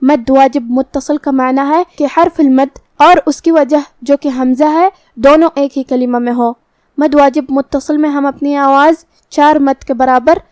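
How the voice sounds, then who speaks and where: A woman teaches Quran recitation in a clear, high voice. She goes through each letter and rule step by step, patiently and methodically. The sound is dry and close, with no room echo. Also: a little mellow. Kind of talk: tajweed lesson, explaining then reciting slowly.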